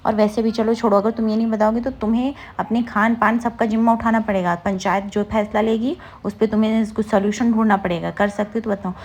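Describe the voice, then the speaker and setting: A woman's voice: on the high side, steady tone, a little fast, few pauses, darkish tone. A woman reading the lines of a brash, defiant village man in her own voice, blunt and scolding.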